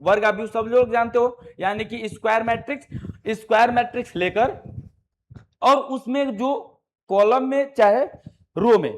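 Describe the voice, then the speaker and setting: A man's voice: very high voice, normal speed, slight background noise. A male maths teacher giving a classroom lesson, coaxing students and repeating his questions back to them.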